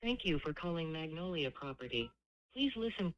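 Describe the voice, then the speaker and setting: A woman's prerecorded phone message reading out a company's menu options in an even, scripted announcer delivery, heard over a phone. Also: low-pitched, moderate pace, no room sound, lo-fi sound. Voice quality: crisp, evenly paced announcer delivery. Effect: recorded phone message.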